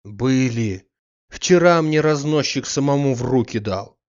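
Brief: мужчина читает за ленивого мечтательного барина средних лет, говорит неспешно и сонно, запись слегка глуховатая. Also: male voice, mid-range voice, lively intonation, measured pace, darkish tone. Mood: insistent. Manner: drowsy, wistful, then fussy. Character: lazy dreamy gentleman landowner, male, middle-aged. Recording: slightly muffled audiobook recording.

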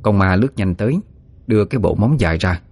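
A man's voice: fairly low pitch, expressive, fast talker, darkish tone. A man narrating a ghost story vividly.

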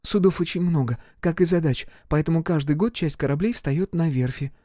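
A man voicing a brisk young woman on a spaceship crew, answering quickly and pertly. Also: on the high side, dark tone, no echo, studio quality, pitched above the performer's own voice, lightly acted. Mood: explaining.

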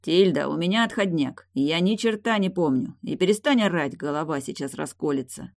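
A woman's voice: deep voice, expressive, moderate pace, creaky. A woman voicing a hungover, sardonic man who talks drily and mockingly, in an audiobook. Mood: grumbling. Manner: dry, mocking.

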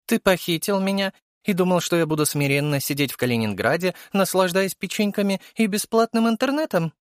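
A man's voice: sits high, expressive, moderate pace, no echo, clean studio sound, pitched above the performer's own voice. A man reading an audiobook and voicing a teasing, mischievous young noblewoman who mocks playfully and theatrically.

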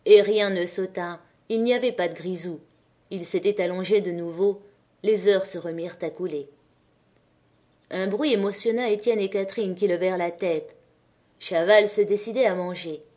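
A woman narrating an audiobook of a classic novel with a measured, expressive reading. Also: on the low side.

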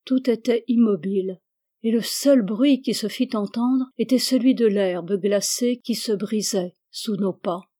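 Mellow woman reading a classic novel. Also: mid-range voice, measured pace. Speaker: audiobook reader. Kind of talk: literary audiobook narration.

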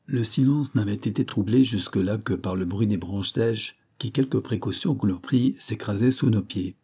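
Dark, husky male audiobook narrator. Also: on the low side. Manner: measured, even literary reading.

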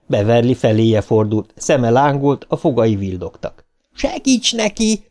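A man's voice: mid-range voice, dark tone. A man narrating an audiobook in a tense, dramatic reading style.

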